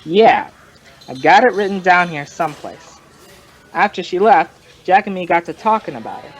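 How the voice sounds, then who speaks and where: Heard on a rough recording, a high-pitched, expressive actor portrays a folksy male informant from an old-time radio crime drama, spinning his story in a slow, colloquial ramble.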